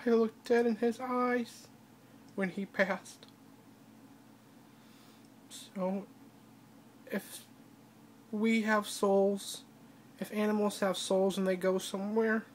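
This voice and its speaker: A tearful woman records a personal video diary in a flat, even voice that barely rises or falls. She speaks haltingly, trailing off and starting her sentences over as she cries. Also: a little high, a little hiss or hum. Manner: halting, with broken-off restarts. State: crying. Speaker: vlogger.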